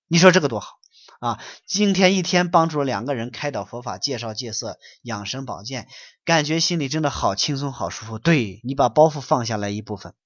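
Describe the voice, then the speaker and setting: A man lectures in a preachy, scolding way, firing off rhetorical questions and often letting his phrases fade away quietly. His voice sits in a middle range. The recording is dull and lo-fi, with a dry, close sound. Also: mid-range voice, expressive, a little fast, no room sound. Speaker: online lecture teacher answering questions. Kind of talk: lecturing and answering listener questions.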